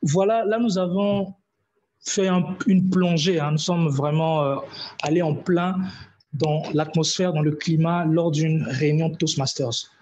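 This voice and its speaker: A man's voice: fairly high pitch, steady tone, measured pace, a little mellow, highs cut off, slight background noise. A man leading a public speaking club meeting, giving feedback and announcements, often hesitating and repeating words. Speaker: meeting leader and evaluator.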